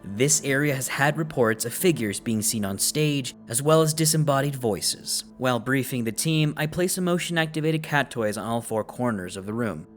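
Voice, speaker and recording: A man's voice: mid-range voice, lively intonation, normal speed, few pauses, faint music behind. A man in his twenties, host and lead investigator, narrating a ghost hunt and earnestly addressing spirits. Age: 20s. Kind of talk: ghost-hunting narration and group briefing.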